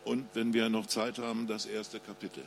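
A man's voice: on the low side, little pitch movement, normal speed, creaky, noisy background. A man, an author, chatting briefly with a live audience and then reading his crime novel aloud. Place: public book reading with audience.

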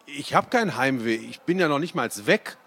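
A man plays a stubborn young boy in a storybook, his voice pushed up and loud with impatience. He talks back in an insistent, raised voice. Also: on the high side, expressive, normal speed, breathy edge, pitched above the performer's own voice, full character voice. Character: stubborn, impatient schoolboy narrator.

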